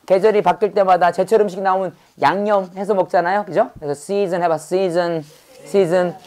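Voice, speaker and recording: A woman teaching English vocabulary in a brisk call-and-response drill. She fires off quick questions and repeats each word over and over. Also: fairly low pitch, fairly even intonation, a little mellow.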